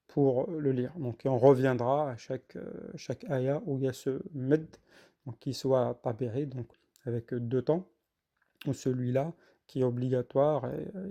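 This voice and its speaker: Patient man teaching slow recitation. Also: mid-range voice, vocal fry, mellow. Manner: slow, patient, repeats and spells out sounds, many hesitations. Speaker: Quran reading teacher. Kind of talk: spoken lesson with recitation.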